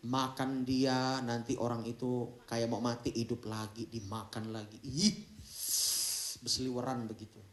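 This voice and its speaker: A man preaching an animated, humorous Sunday sermon, jumping between loud exclamations and hushed asides. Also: mid-range voice, a little slow. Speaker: pastor. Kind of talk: lively Pentecostal sermon. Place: large church hall. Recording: echoey church hall.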